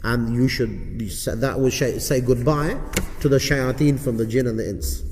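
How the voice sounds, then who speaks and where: A man giving religious instruction. He explains the steps one at a time, repeats them and checks in with listeners, and slows down to recite supplications with emphasis. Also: medium pitch, a little mellow, long reverb tail, a little hiss or hum. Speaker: religious teacher. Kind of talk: instructional talk on a spiritual procedure.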